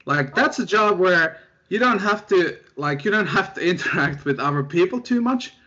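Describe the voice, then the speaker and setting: A young man from Finland, a postdoctoral researcher telling his story in a relaxed, self-deprecating way as an interview guest. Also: sits high, normal speed. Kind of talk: casual interview chat. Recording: dull lo-fi audio.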